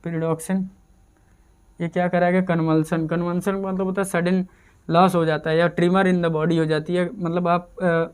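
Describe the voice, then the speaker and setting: A man's voice: high-pitched, flat delivery, measured pace, clean tone. A man giving a casual exam-prep chemistry lecture, repeating terms and asking and answering his own questions. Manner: repetitive drilling, asks and answers own questions. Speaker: chemistry teacher.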